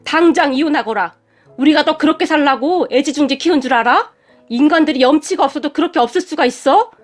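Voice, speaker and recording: A woman voicing a stern, protective old father-in-law who speaks slowly and commandingly. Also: high-pitched, soft background music, lightly acted. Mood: furious. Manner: slow, commanding, gruff.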